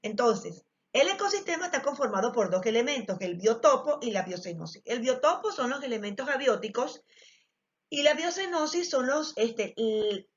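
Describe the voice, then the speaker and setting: A woman with an Ecuadorian Spanish accent teaching a biology class, explaining step by step with frequent fillers and check-ins to the students. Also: a little high. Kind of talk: recorded class lesson. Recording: dull lo-fi recording.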